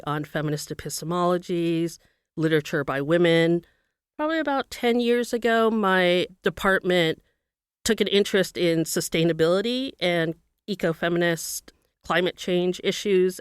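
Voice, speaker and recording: Speaking in a low, smooth voice, a professor born in Burma and raised in California gives a personal account as an interview guest. She walks through her background and work thoughtfully, pausing now and then. The audio is studio quality and echo-free.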